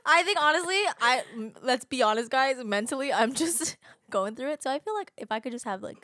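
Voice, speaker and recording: A woman's voice: sits high, normal speed, pauses often, dry recording, studio quality. A woman in her twenties co-hosting a podcast, chatting casually, laughing often and filling her talk with "like". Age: 20s. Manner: giggly, animated, lots of fillers. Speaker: podcast co-host. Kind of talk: casual chat.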